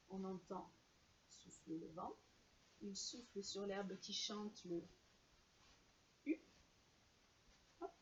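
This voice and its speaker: A woman teacher talks very slowly and clearly to young children and stretches out each syllable as she sounds it out. Her voice sits in a middle range. The recording is dull, with a faint hiss behind her. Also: medium pitch. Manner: slow, carefully sounding out syllables.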